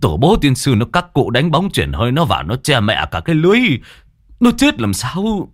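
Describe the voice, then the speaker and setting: A man's voice: mid-range voice, huge pitch swings, moderate pace, dry recording, clean studio sound, voice pushed up. A man voicing a grumpy, half-deaf old village man in a storytelling reading, grumbling in disbelief. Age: older. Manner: grumbling, incredulous, cursing.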